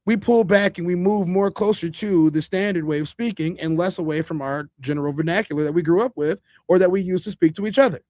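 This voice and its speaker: A man hosts a casual podcast, his voice pitched high for a man. He talks loosely to his viewers and thinks aloud with restarts. The sound is dry and close. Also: fast, few pauses, warm tone, no room sound. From Chicago. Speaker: podcast host.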